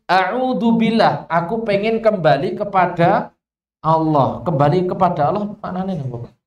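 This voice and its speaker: Javanese-accented recitation teacher, measured mid-pitched delivery, reverberant hall-like space. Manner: asks the listeners questions and answers them, stretches out example verses. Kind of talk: Quran recitation lesson. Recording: echoey room.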